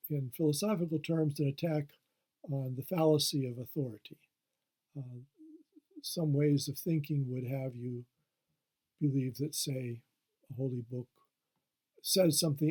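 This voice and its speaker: A man's voice: fairly high pitch, darkish tone, husky. A man, a history professor, giving a recorded lecture, hesitant with many fillers and restarts.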